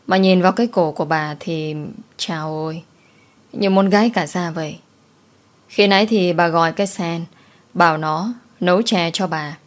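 A woman narrating a folk story in an expressive, folksy storytelling manner. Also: on the low side.

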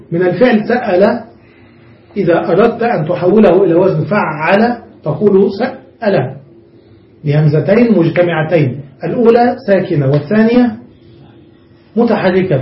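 A man's voice: high-pitched, animated, brisk. A man teaching an Arabic grammar lesson, explaining each step and checking that his students follow. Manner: explains step by step, often checks understanding with the class. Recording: roomy, muffled recording from a distance.

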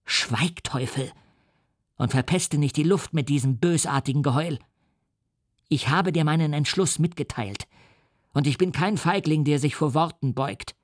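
A man's voice: on the high side, unhurried, no room sound, clean studio sound, pitched above the performer's own voice. A man playing a proud young male scientist who answers with vehement, indignant defiance. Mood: scornful.

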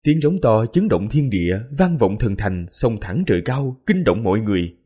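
Male audiobook narrator, dramatic and mournful, husky voice with a lively pitch. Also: normal speed. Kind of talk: scripted narration.

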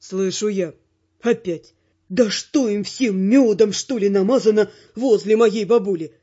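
A woman reads a fantasy audiobook aloud in an even, expressive storytelling voice of middle pitch. The recording sounds slightly dull, with its highs muted. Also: a little slow, breathy edge. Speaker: audiobook narrator.

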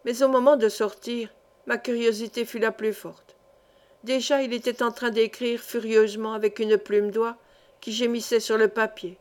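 Brief: woman, audiobook narrator, steady even read, slightly high voice. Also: moderate pace.

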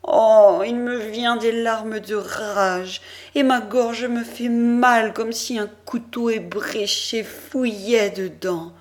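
A woman narrating a novel as an audiobook in a measured, expressive first-person reading. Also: a little high. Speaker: audiobook reader.

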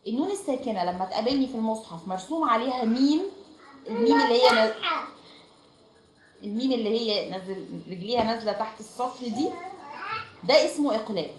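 Over online voice chat from a room at home, a woman with an Egyptian Arabic accent teaches a recitation lesson, explaining step by step and checking in often with her students. Her voice is fairly high, expressive, and fast, with long pauses. The room is echoey, with faint noise.

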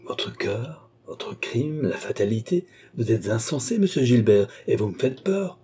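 A man's voice: medium pitch, very animated, a little slow, slightly rough. A man reading an audiobook, voicing a proud young noblewoman who is furious and contemptuous. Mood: shocked. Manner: shouting, raging, contemptuous. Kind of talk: audiobook character voice.

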